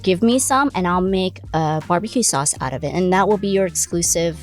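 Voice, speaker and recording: A woman's voice: fairly low pitch, brisk, soft background music. Malaysian-born woman telling her story animatedly. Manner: animated storytelling, acts out her own quotes. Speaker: restaurant owner, pitmaster. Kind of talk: casual interview chat.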